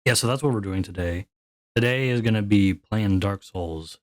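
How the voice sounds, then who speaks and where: A man's voice: lowish voice, normal speed, no echo. A man streaming live who talks to his chat in a sarcastic, grumbling, exasperated way. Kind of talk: casual livestream chat.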